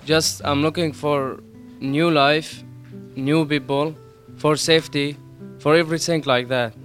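Teen boy from Syria, Arabic native, halting broken English, slightly high pitch, soft guitar behind. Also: fairly even intonation. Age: teens. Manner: halting, searching for English words. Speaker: student interviewee. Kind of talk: interview testimony.

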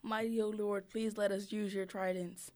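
A woman's voice: mid-range voice, flat delivery, moderate pace, a little mellow, lightly acted. A woman voicing a feisty, suspicious mermaid who accuses others in improvised comedy. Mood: indignant. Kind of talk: improvised comedy role-play.

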